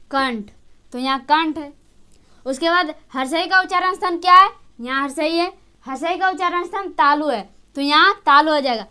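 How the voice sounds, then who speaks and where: A woman's voice: sits high, sharp tone. A woman teaching an exam-prep grammar lesson, who keeps asking a question and answering it herself. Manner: repetitive, asks and answers her own questions.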